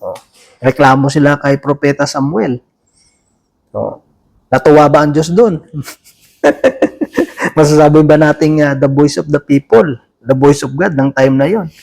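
A man's voice: on the high side, moderate pace, gravelly, a little mellow. A man preaching a sermon in a casual, conversational way, often turning to the listeners with a question. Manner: many restarts and fillers, chatty and informal.

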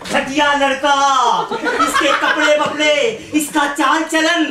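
A man's voice: extremely high pitch, fairly even intonation, slow. A man playing a miserly, scheming village father in a live stage play, scolding theatrically. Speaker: stage actor. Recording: echoey stage with loud noise.

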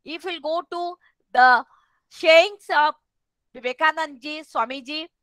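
High, bright-voiced Odia Indian woman hosting. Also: measured pace, no echo. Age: middle-aged. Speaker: webinar host. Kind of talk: formal webinar address. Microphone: headset on video call.

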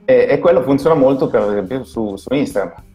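A man with an Italian accent, a guest designer, explaining things in a halting way that repeats words over a video call. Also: medium pitch, lively intonation, warm tone, soft background music. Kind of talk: casual video call interview.

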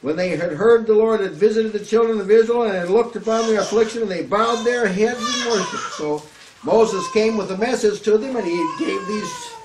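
Older preacher with a high, echoey voice. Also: male voice, animated. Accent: Southern US. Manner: earnest, emphatic preaching with halting restarts. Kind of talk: sermon. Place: small room before a curtain backdrop, at a lectern. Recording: echoey room, slightly distant mic, faint hiss.

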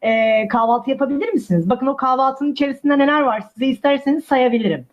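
A woman acting as a female tour sales agent over the phone, high-voiced and politely stubborn. She uses formal service patter on a muffled line. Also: close to an everyday voice. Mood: polite, insistent. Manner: formal customer-service patter with hesitant pauses. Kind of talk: prank call role-play. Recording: muffled phone call audio.

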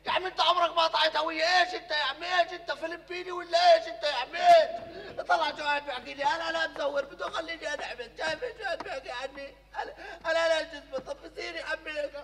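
An actor with a Jordanian accent playing a naive, excitable young drifter in a televised stage comedy, loud and quick to flare up. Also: male voice, very high-pitched. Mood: indignant. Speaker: comic actor. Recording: reverberant stage hall, live audience.

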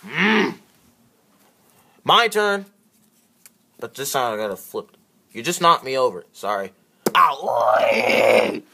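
A man with a husky voice play-acts cartoon-style characters in a halting, excitable way, stumbling and repeating words. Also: on the high side. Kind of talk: improvised character play-acting for a fan video.

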